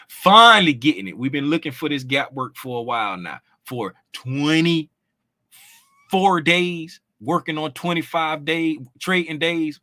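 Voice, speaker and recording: The man teaching trading keeps things conversational as he covers the charts, sprinkling in "right?" and "you know what I'm saying?" His mid-range voice sounds pushed and bright, his wording loose with restarts, and the audio has no echo.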